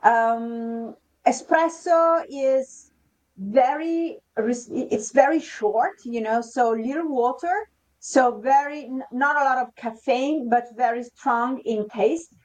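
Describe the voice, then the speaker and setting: A woman's voice: sits high, takes it slowly, a little mellow, poor audio. A woman, speaking English as a guest on a podcast, explaining in a hesitant way with restarts. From Italy. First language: Italian. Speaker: podcast guest, leadership consultant. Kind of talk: casual interview chat.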